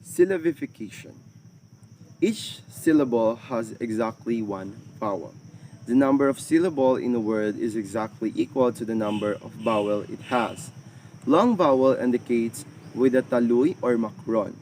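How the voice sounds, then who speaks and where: A man giving a language lesson, drilling syllables slowly and carefully with halting phrasing. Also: mid-range voice, lively intonation, a little mellow, slight background noise. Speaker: language student presenter.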